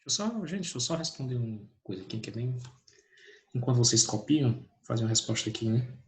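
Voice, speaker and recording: A man's voice: mid-range voice, animated, fast. A man teaching an online physics class, calling on students by name and asking questions that he answers himself.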